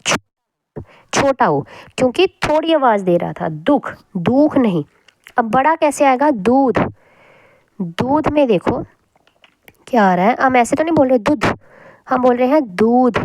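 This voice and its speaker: A woman teacher explaining a spelling lesson patiently, repeating words slowly to show how they sound. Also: high-pitched, animated, darkish tone.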